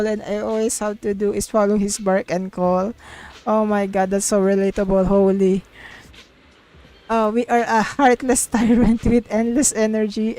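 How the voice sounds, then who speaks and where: A woman streams a story game, casually reading the dialogue aloud and reacting with giggly, sweary exclamations over background music. Her mid-range voice is warm, though the audio is poor.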